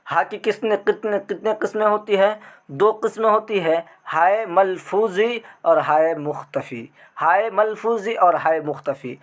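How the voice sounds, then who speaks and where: A man teaching an online grammar lesson, asking questions and answering them himself, drawing out the example words. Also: fairly high pitch.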